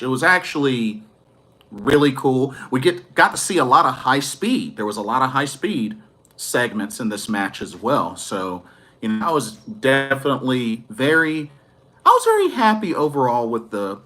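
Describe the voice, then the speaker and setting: A man's voice: medium pitch, sharp tone. A man giving a casual, enthusiastic wrestling review, rambling a little and correcting himself as he goes.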